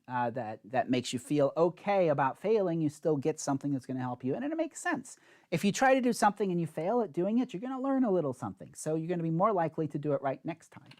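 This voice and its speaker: A man's voice: a little high, darkish tone. Man talking through a board game. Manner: explains rules step by step while playing; chatty, self-mocking asides. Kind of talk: solo board game playthrough.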